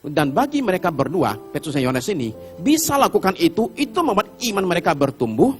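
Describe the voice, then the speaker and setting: Animated preacher man. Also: high voice, fairly quick, faint music behind. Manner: animated storytelling, acts out Bible characters with shouted pleas. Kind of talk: sermon. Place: church hall.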